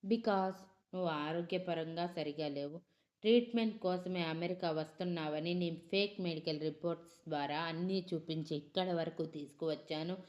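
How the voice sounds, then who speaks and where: A woman voicing a smug, scheming young man who answers calmly in a storybook. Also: on the low side, normal speed, natural voice. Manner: calm, smug replies.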